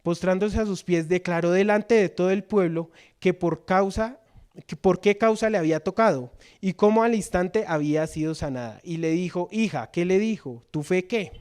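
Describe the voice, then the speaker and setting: A man's voice: high-pitched, normal speed, clean tone. A man preaching a sermon in church, reading scripture and putting questions to the congregation. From Colombia. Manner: asks the congregation questions, reads scripture, shifts between loud and soft.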